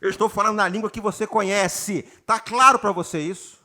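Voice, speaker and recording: A man from Brazil, a pastor preaching a sermon, reading scripture slowly and often calling out to the congregation with rising emphasis. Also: high-pitched, fairly even intonation, pushed and bright. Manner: reads scripture slowly and has the congregation repeat words. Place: church retreat gathering.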